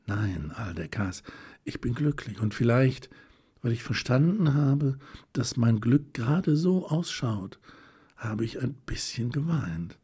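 A man voicing a shy, tender young woman who is quick to tears, speaking softly and often in a whisper with a hesitant, wistful manner. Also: medium pitch, slightly rough.

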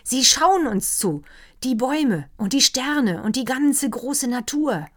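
A woman reading an audiobook, voicing an excitable, effusive middle-aged male doctor. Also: high-pitched, takes it slowly, pitched above the performer's own voice, full character voice. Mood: rapturous. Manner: effusive, exclamatory.

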